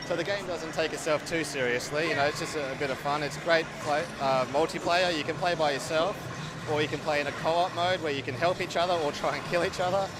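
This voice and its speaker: Against the loud din of a busy game expo floor, a man demos a game while giving easygoing, informal live commentary. His voice sits on the high side, with fairly even intonation and a fairly quick pace.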